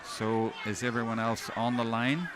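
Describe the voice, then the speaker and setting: A man giving live hurling commentary, describing play in measured running observations. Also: mid-range voice, little pitch movement. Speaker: sports commentator. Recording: outdoor stand, loud crowd noise behind. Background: crowd noise at outdoor match.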